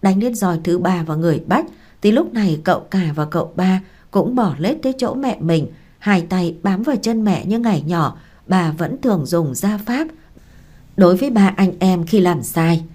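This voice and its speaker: A woman narrating an audiobook in a steady storytelling manner. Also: lowish voice, normal speed.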